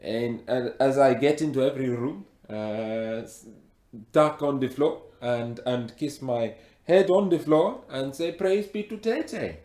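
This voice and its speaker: A man putting on a very heavy African accent, talking haltingly with many fillers and restarts. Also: mid-range voice, mellow, roomy sound, voice pushed up, lightly acted. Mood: playful. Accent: African (put on).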